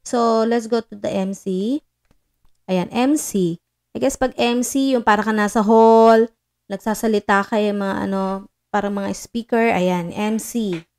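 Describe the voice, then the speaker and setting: A woman's voice: mid-range voice, steady tone, a little slow, darkish tone, smooth. A woman vlogger chatting casually while demoing a portable sound card into her microphone, mixing English in with many fillers. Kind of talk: casual tech demo chat.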